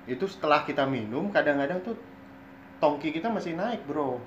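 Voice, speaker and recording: A man's voice: on the high side, animated, a little fast. A man with a Jakarta accent in a casual chat, speaking frankly and crudely in slangy speech peppered with "bro". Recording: roomy echo, muffled, faint background noise.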